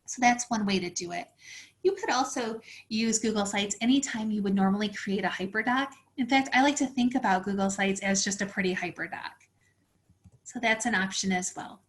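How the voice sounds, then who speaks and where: A woman's voice: mid-range voice, a little fast. A woman presenting a teacher workshop, explaining tools step by step in a friendly, practical way. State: slightly out of breath. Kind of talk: instructional webinar walkthrough.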